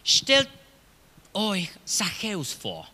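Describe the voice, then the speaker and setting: In a church hall full of long reverb, a middle-aged pastor from Chile delivers a sermon in a Chilean Spanish accent. His high voice swoops wildly in pitch as he tells the story slowly, dropping into dramatic hushes.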